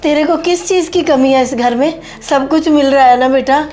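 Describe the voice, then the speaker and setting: An actress playing a gentle, hurt mother-in-law who pleads softly with her daughter-in-law. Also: sits high, moderate pace, soft background music, natural voice. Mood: hurt, pleading. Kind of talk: short film acting.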